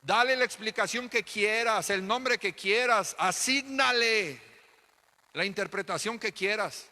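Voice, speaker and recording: A Mexican-accented man preaches to his congregation, driving points home with repeated phrases and pointed questions. His voice sits high and cuts sharp and bright. The sound carries the long echo of a church hall. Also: unhurried. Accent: Mexican Spanish. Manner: preaching with emphatic repetition and rhetorical questions. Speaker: pastor. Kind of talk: sermon.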